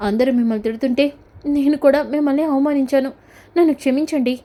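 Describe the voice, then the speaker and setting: Storybook role: an apologetic young wife, mellow and fairly high, read by a woman narrator. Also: steady tone, quick pace, close to an everyday voice. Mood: remorseful. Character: young wife, remorseful and tearful.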